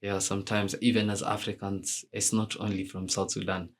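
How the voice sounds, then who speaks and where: A man's voice: fairly low pitch, level tone, moderate pace, very noisy. A young man from Kenya answering radio interview questions about his music, with many fillers and restarts. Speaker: musician guest.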